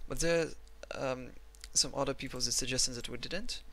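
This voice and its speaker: Talking through a chart analysis in a screen recording, a trading analyst with a Russian accent rambles in a blunt, self-mocking way. His voice is medium-pitched and fairly bright, and he speaks briskly.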